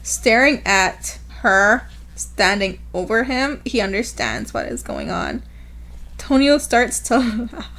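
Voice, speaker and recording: A young woman co-hosting a book podcast, reading novel passages aloud slowly and dramatically in casual chat. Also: on the high side, very animated, a bit bright. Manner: slow, dramatic reading with giggles. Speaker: podcast co-host.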